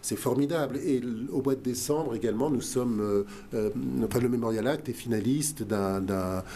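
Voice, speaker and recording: Appearing on a radio talk show interview, a museum director talks at a moderate pace in a medium-pitched, dark voice. He's earnest but full of fillers and restarts, and slight background noise is audible.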